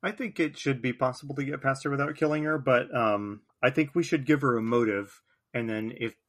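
A man's voice: medium pitch, brisk, fairly bright tone. A male podcast co-host in casual discussion, tentative and thoughtful as he works through ideas.

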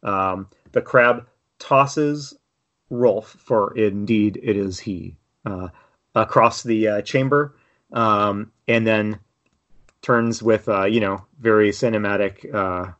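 A man's voice: lowish voice, slow, a bit bright. Guy running a tabletop game, lots of likes and uhs, kinda dull lo-fi sound. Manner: loose, rambling description full of "like" and "uh". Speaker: game master.

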